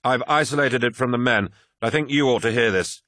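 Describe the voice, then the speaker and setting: Armored warrior comrade voiced by a man: raised pitch, urgent and confiding. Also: fairly quick, pushed and bright, no room sound, clean studio sound, natural voice. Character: friendly male armored warrior, warning a comrade.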